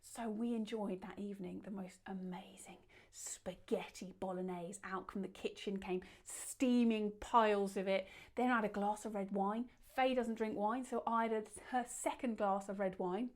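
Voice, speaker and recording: A woman telling a bedtime adventure story in a lively way, acting out the quoted lines with big shouts. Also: mid-range voice, moderate pace, few pauses.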